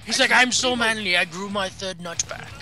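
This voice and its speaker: A man's voice: high voice, moderate pace, bright, forceful tone, faint music behind. A young man in casual co-op gaming chatter, goofy and jokey, bellowing battle cries now and then. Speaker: gamer.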